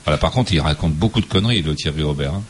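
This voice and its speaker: A man's voice: extremely low pitch, rapid-fire, slight background noise. A man with a Parisian French accent chatting casually and satirically about the news as a host, wry and irreverent.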